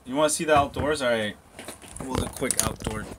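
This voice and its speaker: A man's voice: medium pitch, a little fast, noisy background. A man live-streaming on a handheld phone, chatting loosely with viewers about phones and whatever comes up, wandering outdoors now and then. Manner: rambling, loose, full of restarts and asides. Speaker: tech live-streamer answering viewer questions. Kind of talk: casual live-stream chat. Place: walking around, partly outdoors.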